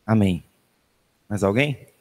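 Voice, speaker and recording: A man's voice: lowish voice, animated, takes it slowly, slight background noise. A man teaching a church Bible class, answering participants with short amens and summing up. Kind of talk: leading a church class discussion. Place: church hall.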